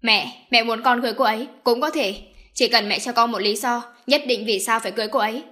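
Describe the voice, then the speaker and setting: A stern young son who confronts his mother in a firm, demanding voice, read by a woman narrator. Audiobook-style storytelling, with the son's lines delivered loudly and intently. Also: fairly high pitch, fast talker. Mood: earnest.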